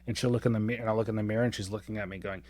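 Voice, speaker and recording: A man in his thirties co-hosting a podcast, talking in a laid-back, halting way with many filler words. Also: lowish voice, fairly even intonation, a little mellow, no echo. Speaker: podcast co-host. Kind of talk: casual chat.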